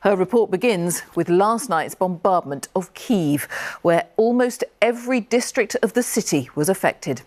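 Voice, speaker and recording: A woman's voice: mid-range voice, lively intonation, moderate pace, darkish tone, slight background noise. A woman presenting the news, introducing reports and correspondents.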